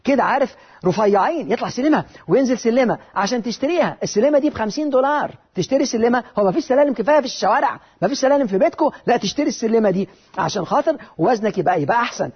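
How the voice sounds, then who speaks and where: A man with an Egyptian Arabic accent giving a motivational talk, lively and rhetorical, with repeated phrases. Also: extremely high pitch, racing, breathy edge, dull audio. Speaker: motivational speaker.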